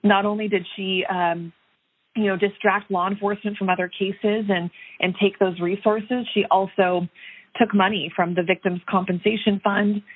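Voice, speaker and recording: A woman's voice: mid-range voice, steady tone, moderate pace, husky. A woman investigative reporter talking through a case in a remote news interview, conversational with many fillers and restarts. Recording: tinny phone-like line.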